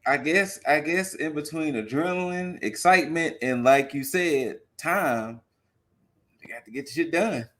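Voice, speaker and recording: A man's voice: on the high side, unhurried, a bit bright. A man co-hosting a podcast, chatting casually about a movie and retelling its scenes in an easygoing way. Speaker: podcast co-host. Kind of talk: casual movie review chat.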